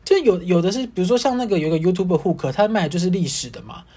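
A young woman hosting a casual solo podcast, ranting in an animated, self-mocking way. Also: lowish voice, fast talker, slightly rough. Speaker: podcast host.

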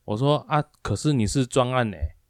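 A man recounts a clash at work with growing heat. He plays both himself and the other side. His voice sits at an ordinary middle pitch and is recorded dry and close, with no room sound. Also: moderate pace, no echo. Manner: animated, acts out both sides of an argument with rising emphasis. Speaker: co-host of a speaking-skills livestream. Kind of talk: casual storytelling chat.

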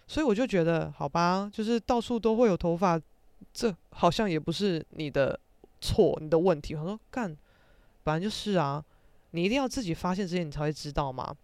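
Young taiwanese woman venting on her podcast, super expressive up and down, dry close sound. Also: fairly low pitch, fairly quick, smooth, no room sound. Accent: Taiwanese Mandarin. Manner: animated, ranting, swears casually. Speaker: podcast host. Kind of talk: casual storytelling monologue.

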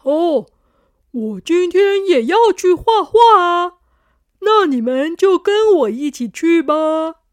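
Lady doing a super squeaky happy piggy boy, slow sing-songy storybook voice. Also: sing-song, no room sound, exaggerated voice. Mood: friendly. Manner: sing-song, friendly and chatty. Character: cheerful boastful young male piglet. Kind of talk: children's storybook reading.

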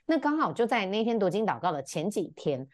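A woman talks as a podcast guest, recounting a personal story in a relaxed, conversational way. Her pitch sits mid-range but swings widely, and she slips into other people's voices whenever she quotes them. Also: a little fast. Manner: animated, acts out quoted dialogue in varied pitch. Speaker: podcast guest, brand founder. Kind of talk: casual storytelling chat.

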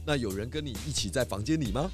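In a children's audio drama, a man plays a genial, methodical pig detective inspector who asks questions politely and easily, in a probing, friendly mood. His mid-range voice has lively intonation and a quick pace, lightly acted over music.

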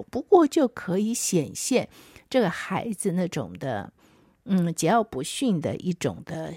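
A woman podcast host, telling a story in an earnest, reflective way with soft trailing asides. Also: lowish voice, husky, no echo, clean studio sound. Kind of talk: storytelling monologue.

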